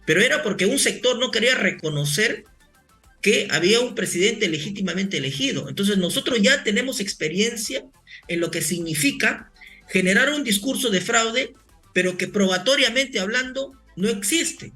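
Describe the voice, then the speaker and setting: A man with a high-pitched, bright and tense voice argues as a guest in a broadcast debate. He is formal and argumentative, often repeating his phrases, with faint music behind him. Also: lively intonation, normal speed. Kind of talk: live broadcast political debate.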